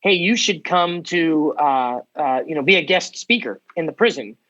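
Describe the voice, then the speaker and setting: A man in his forties from the United States tells his own story as a podcast guest. His voice sits a little high and he moves through it with eager energy and quick asides. The audio is slightly dull and lo-fi. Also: lively intonation, bright, forceful tone. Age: 40s. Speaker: guest, ministry founder. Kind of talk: podcast interview.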